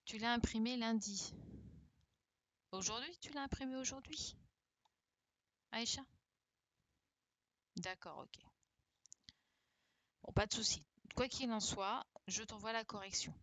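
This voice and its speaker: A woman's voice: a little high, slow, pauses often, fairly bright tone, dry recording. Woman primary teacher in a video-call class, encouraging, spells word endings letter by letter, dry close sound. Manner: patient and encouraging, often checks with "d'accord?". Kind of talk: online class, correcting exercises with pupils. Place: home, virtual classroom.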